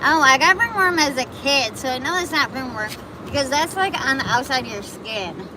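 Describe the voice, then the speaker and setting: Streaming live amid traffic, this chatty host from Buffalo, New York, speaks high-pitched with lively intonation at a moderate pace. She rambles casually, responding to chat comments and viewers' questions.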